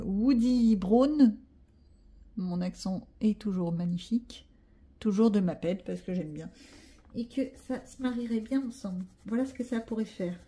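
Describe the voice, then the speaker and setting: A coloring vlogger with a French accent chats casually while she colors, thinking aloud, poking fun at herself and explaining every step in a relaxed narrated tutorial. Her voice is medium-pitched with a dark tone.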